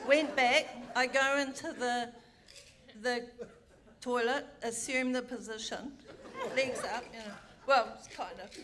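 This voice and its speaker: A woman's voice: a little high, fairly even intonation, takes it slowly, crowd noise, noisy background. Bawdy New woman telling a story. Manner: frank, bawdy and self-mocking, with chatty asides. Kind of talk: live comic storytelling. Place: theatre stage.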